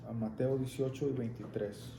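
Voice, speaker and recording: A man's voice: mid-range voice, steady tone, normal speed. A man leading a Spanish Bible class, explaining scripture and prompting a reader to continue. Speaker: Bible teacher. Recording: echoey room with faint noise.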